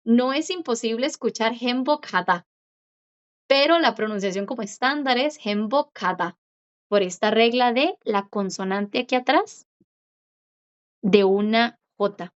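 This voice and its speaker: A woman teaching a Korean class, who repeats words slowly and keeps checking in with her students. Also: a little high. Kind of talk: online class explanation. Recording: dull lo-fi audio.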